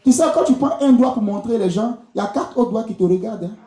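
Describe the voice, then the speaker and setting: A fast-talking Ivorian preacher, visiting as a prophet, has a warm, high-sitting voice as he exhorts the congregation head-on and repeats key phrases. The charismatic sermon, in his Ivorian accent, comes from a live indoor church service with echoey hall acoustics.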